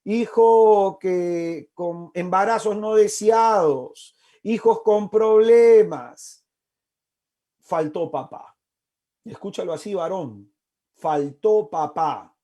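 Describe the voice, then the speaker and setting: A man in his forties from Peru preaches with passion. His voice sits somewhat high but sounds dark and mellow. He stresses key words with slow repetition and drops into hushed asides. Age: 40s. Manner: impassioned, with slow emphatic repetitions and sudden soft asides. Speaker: speaker at a faith-based family talk. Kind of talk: preaching talk.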